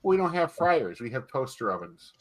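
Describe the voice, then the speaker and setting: Man, casual panelist, blunt, griping storyteller, mid-pitched. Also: very animated, normal speed. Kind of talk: casual chat.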